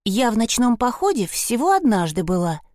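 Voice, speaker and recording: A woman's voice: a little high, sing-song, normal speed, a little mellow, no echo, studio quality, voice pushed up. A woman narrator voicing a timid, anxious young girl who frets and pleads. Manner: fearful, pleading.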